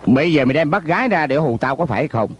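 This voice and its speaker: A man's voice: a little high, expressive, quick pace, slightly rough, lo-fi sound. A man dubbing an arrogant young heir in a TV drama, blustering and insulting. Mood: mocking. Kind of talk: dubbed TV drama.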